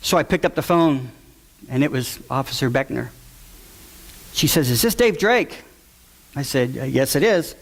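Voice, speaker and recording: A man's voice: mid-range voice, normal speed, creaky, pauses often. A man, a father, telling an audience his personal story in an earnest, emotional way, sometimes acting out the people he quotes. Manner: acts out voices in quotes, shouting at times.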